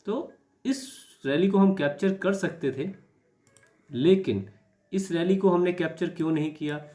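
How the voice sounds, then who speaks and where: A man with a sore throat explains a trading chart in a lesson, clearing his throat now and then and repeating key words. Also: high voice, a little slow, mellow. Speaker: stock market trading educator.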